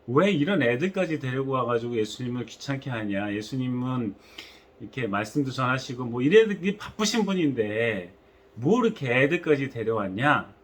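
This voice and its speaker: A man's voice: medium pitch, very animated, normal speed. A man acting impatient followers shooing people away. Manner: impatient, dismissive.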